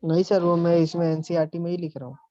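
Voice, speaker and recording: A man's voice: a little high, steady tone, fast talker, warm tone. A male student giving brief, polite replies to his teacher, heard over an online call line. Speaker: student answering in an online class. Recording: dull lo-fi online call audio.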